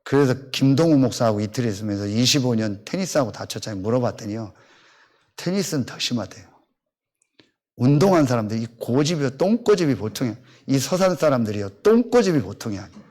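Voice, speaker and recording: Animated man in his fifties, storytelling. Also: medium pitch, a little fast. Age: 50s. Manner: animated storytelling, acting out both sides of conversations; blunt, colloquial. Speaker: pastor. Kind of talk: sermon with personal anecdote.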